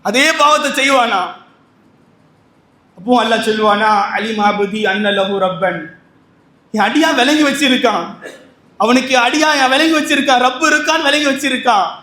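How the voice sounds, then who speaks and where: A man's voice: very high voice, bright, forceful tone. A man preaching a sermon on repentance, impassioned, repeating his lines and asking rhetorical questions. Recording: echoey room.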